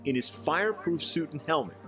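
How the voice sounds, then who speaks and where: A man giving scripted documentary narration with a measured, dramatic delivery. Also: on the high side, expressive. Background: music.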